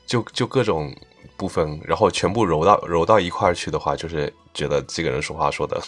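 A man's voice: deep voice, brisk, a bit bright, faint music behind. A man chatting casually as a podcast co-host, often repeating the openings of his sentences. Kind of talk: casual chat.

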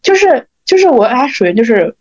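A woman's voice: a little high, very animated, brisk. A woman co-hosting a podcast, telling chatty stories about her experiences in a casual conversation. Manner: chatty storytelling with laughs. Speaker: podcast co-host. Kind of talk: casual chat. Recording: dull lo-fi audio.

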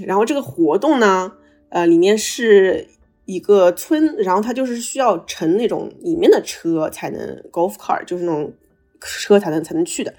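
A woman podcast host telling a personal story over a video call, excited and slightly stammering, with many restarts. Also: medium pitch, moderate pace, faint music behind. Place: travelling abroad, on a video call.

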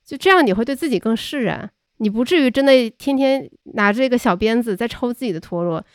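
Female podcast host, clear and slightly high, measured and reflective, dry close mic. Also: lively intonation, dry recording. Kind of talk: casual podcast chat.

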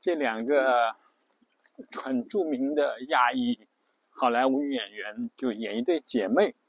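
A man's voice: medium pitch, measured pace, no room sound, dull audio. A man hosting an audio show who explains vocabulary in a casual monologue, chatty and thinking aloud with frequent fillers. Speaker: podcast host.

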